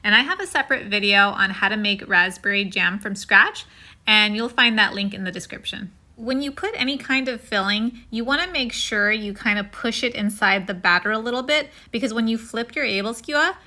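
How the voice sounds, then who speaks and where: A woman's voice: medium pitch, moderate pace, pushed and bright. A woman hosting a home cooking video, talking through a recipe step by step in a casual, friendly way.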